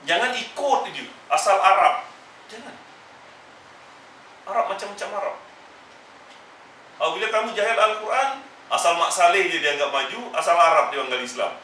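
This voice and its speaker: A man's voice: high voice, lively intonation, normal speed, pauses often, bright, forceful tone, slight background noise. A man teaching a Quran exegesis class, admonishing his listeners emphatically and repeating his warnings. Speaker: religious teacher. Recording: echoey room, mic far off.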